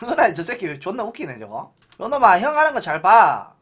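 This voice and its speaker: A man streaming a game live, commentating excitedly, cursing often and shouting countdowns before big attempts. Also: high voice, fairly quick, breathy edge.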